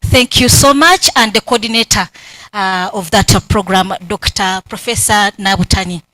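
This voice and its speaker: A Ugandan woman with a Ugandan English accent, giving emotional, animated thanks at her doctoral defense and acting out remembered conversations. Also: mid-range voice, moderate pace, no room sound, rough recording. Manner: emotional, grateful, animated storytelling with quoted dialogue. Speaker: PhD candidate. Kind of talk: acknowledgements at a thesis defense. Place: university hall.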